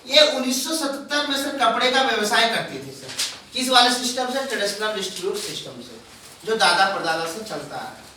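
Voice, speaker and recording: A man with a bright, forceful voice gives a sales seminar and calls his listeners "sir" again and again. He keeps quizzing the audience. The recording is very echoey, and he sounds far from the mic. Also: high-pitched, sing-song, a little fast, slight background noise. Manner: calls listeners "sir" often, asks them questions. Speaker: presenter. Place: large echoing room with an audience.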